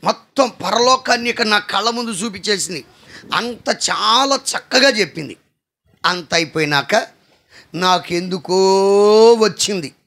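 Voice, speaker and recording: A male pastor preaching a sermon, telling stories with lively shouted emphasis and calling on the congregation to answer. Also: sits high, a little slow, long pauses. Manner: animated storytelling with shouted emphasis; asks the congregation to respond.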